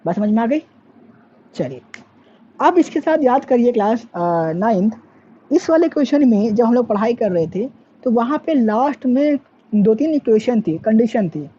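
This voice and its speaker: A woman's voice: on the high side, lively intonation, normal speed, dark tone. A woman teaching physics in a classroom lecture, who asks questions and answers them herself and mixes English terms into her talk. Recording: dull lo-fi sound with faint background noise.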